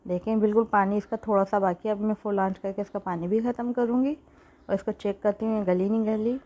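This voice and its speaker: Woman host, mellow tone, chatty home-kitchen cooking tutorial, recorded on a phone. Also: medium pitch, steady tone, fairly quick, lo-fi sound. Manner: chatty, repeats "theek hai" often. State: sore throat, coughing.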